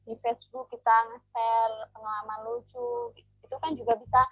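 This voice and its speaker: A woman's voice: on the high side, no room sound. A woman giving a hesitant presentation over a video call whose connection keeps breaking up, with many fillers and restarts. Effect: choppy, lagging video-call connection. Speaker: presenter in an online discussion. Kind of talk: informal spoken presentation. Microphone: online video call. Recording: tinny, lo-fi online call audio.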